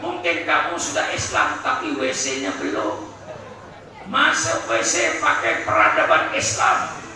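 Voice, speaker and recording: A high-voiced man preaches with a swooping, lively delivery, joking and asking the congregation for agreement. He sounds far from the mic in a hugely echoing hall, with a crowd audible behind him. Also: slow pace. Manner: jokey, asks the crowd for agreement, acts out short household exchanges. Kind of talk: humorous sermon to a live congregation.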